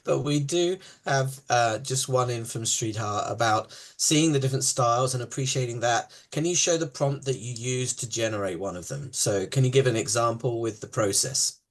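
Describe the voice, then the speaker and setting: Easygoing man relaying questions. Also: mid-range voice. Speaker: co-host reading viewer questions. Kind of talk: casual moderation on a video call. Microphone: video call.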